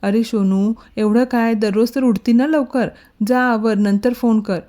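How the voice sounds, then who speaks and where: A woman narrator voicing a gentle, affectionate middle-aged mother on a phone call. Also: a little high, fairly even intonation, unhurried, natural voice. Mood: tender. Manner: soothing, affectionate.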